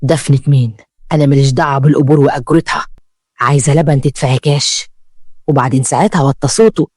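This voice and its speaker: A mistrusting old Egyptian shopkeeper, gruff and prying, read by a storyteller. Quick speech, dry close sound. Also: medium pitch, darkish tone, no echo, lightly acted. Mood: suspicious. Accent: Egyptian Arabic. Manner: suspicious and mistrusting. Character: suspicious old male grocer, gruff.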